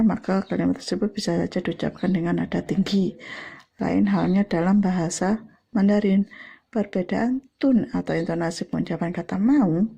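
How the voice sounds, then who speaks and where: Slow gravelly-voiced woman teacher. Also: lowish voice, warm tone. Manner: slow, deliberate, drawn-out demonstrations. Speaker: Mandarin teacher. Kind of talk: classroom lesson explanation. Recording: dull lo-fi recording.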